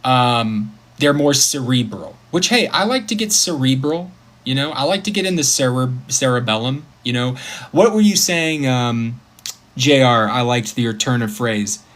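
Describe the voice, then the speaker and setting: A man talking casually on a livestream, his thoughts wandering from one to the next. He breaks off often to welcome viewers, and his pitch sits in an ordinary middle range. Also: animated, a little slow, fairly bright tone. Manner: rambling, chatty, greets viewers mid-sentence. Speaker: livestream host.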